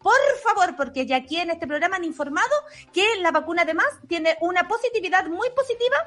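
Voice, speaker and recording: A woman voicing a fussy older spinster civil servant with a shrill Chilean voice, prim and indignant, on radio comedy. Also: lively intonation, quick pace, a bit bright. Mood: reporting. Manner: prim, indignant, asks "¿ah?" a lot.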